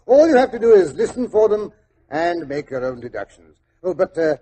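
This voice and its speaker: Mellow, genial old Doctor Watson. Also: male voice, high voice, very animated, normal speed. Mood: genial, teasing. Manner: avuncular, hesitant, chuckling raconteur. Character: genial chatty older English doctor reminiscing as storyteller. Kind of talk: 1940s radio acting. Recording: old 1940s radio recording.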